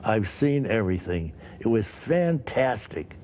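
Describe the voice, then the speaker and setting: An older man being interviewed, telling vivid stories from a film set. He acts out the shouting as he tells them. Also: lowish voice, unhurried. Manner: animated storyteller who acts out shouting.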